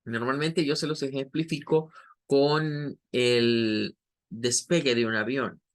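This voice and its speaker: A man teaching English pronunciation in a patient, explanatory way, slowly modeling each word. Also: mid-range voice, fairly even intonation. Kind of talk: online pronunciation lesson.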